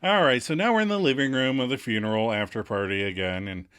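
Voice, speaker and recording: A man's voice: mid-range voice, fast, smooth. A man co-hosting a podcast, casually recapping an episode and laughing often. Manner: animated recapping, acts out quoted lines, laughs often. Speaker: podcast co-host.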